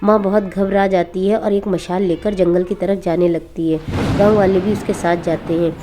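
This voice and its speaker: A woman narrating a cartoon horror story in a plain, steady storytelling manner. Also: fairly low pitch, normal speed, slight background noise.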